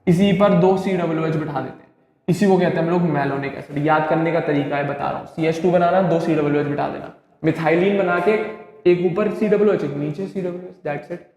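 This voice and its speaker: A man's voice: fairly high pitch, fairly even intonation, fairly quick, a little mellow. Teacher man in an echoing room. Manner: drilling, asks questions and answers them himself; calls students "beta", keeps asking if it is clear. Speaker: chemistry teacher. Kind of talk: online classroom lecture. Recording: very echoey classroom with long reverb.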